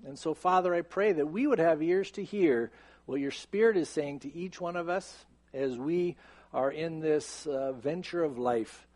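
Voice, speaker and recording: A pastor in his fifties with a somewhat high voice speaks in a church sanctuary. He moves from relaxed, joking asides to an earnest, steady prayer. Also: measured pace. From United States. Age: 50s. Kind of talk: sermon and prayer.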